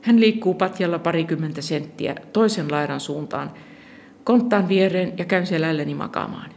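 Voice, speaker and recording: A narrator reading a first-person short story in a calm, steady storytelling manner. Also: medium pitch, creaky, a little hiss or hum.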